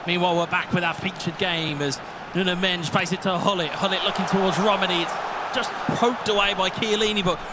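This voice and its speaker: A man with a high voice commentates an esports football match in a live broadcast. He calls the play in quick bursts and climbs into shouts at the big moments. Steady background noise sits under his voice. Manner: excitable, rising to shouts at goals.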